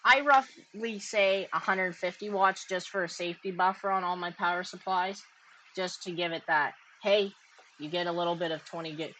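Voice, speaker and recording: A woman's voice: on the low side, normal speed, bright, forceful tone, a little hiss or hum, rough recording. Chatty Canadian woman streaming casually. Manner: chatty, laughs often, thinks aloud. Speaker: crypto mining streamer host. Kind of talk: casual chat.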